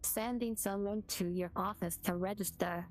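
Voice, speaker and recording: A man voicing a rugged, sarcastic woman receptionist in a video game, dismissive and deadpan. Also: high-pitched, normal speed, voice pushed up, natural voice. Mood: scornful, weary. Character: rugged, curt, sarcastic woman behind a desk.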